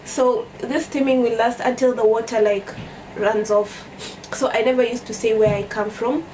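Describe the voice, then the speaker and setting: A young Kenyan woman vlogs a casual storytime chat to camera, repeating phrases for emphasis in her Kenyan accent. Her warm voice is fairly high, with a steady tone and normal speed. The mic is distant and picks up background noise.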